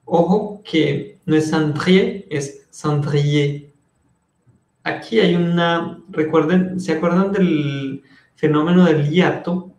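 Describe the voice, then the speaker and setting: A man teaching a French class in Spanish, slowly repeating words and switching between languages while calling on students by name. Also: on the high side, a little mellow, roomy sound. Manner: slow, patient, repeats words to drill pronunciation.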